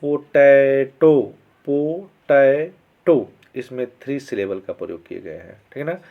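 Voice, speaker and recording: A man teaching English grammar as a lesson, explaining in Hindi. He reads the English examples slowly and often checks that his students are following. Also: on the low side, expressive, creaky, breathy edge. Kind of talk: classroom-style grammar lesson. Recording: slightly dull lo-fi sound.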